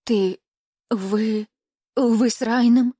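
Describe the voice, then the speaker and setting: A woman's voice: a little high, steady tone, takes it slowly, mellow, husky, dry recording, studio quality. A woman voicing an anxious, overprotective middle-aged mother who scolds her daughter in an audiobook. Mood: accusing.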